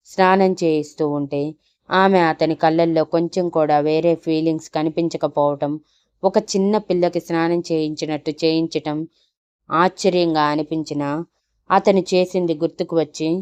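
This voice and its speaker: Low, clear-voiced woman narrating a story. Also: fairly even intonation, moderate pace, a little mellow, no room sound. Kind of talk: scripted narration of an audio story.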